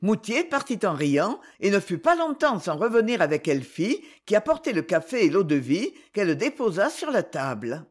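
A woman narrating a storybook aloud in a clear, expressive manner. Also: medium pitch, moderate pace, hardly any pauses. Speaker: audiobook reader.

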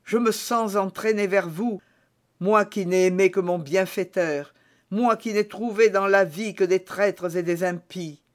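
A man's voice: sits high, fairly even intonation, measured pace. A man reading aloud, voicing an earnest young puritan officer. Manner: earnest, urgent. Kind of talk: audiobook character reading.

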